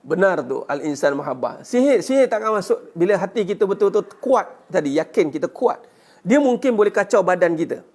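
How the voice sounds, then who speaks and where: A man's voice: high-pitched, sing-song, a little fast, a little mellow. A man giving a religious lecture as a teacher, answering questions earnestly and punctuating his points with "ha" and rhetorical questions. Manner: earnest, urging listeners to fight back.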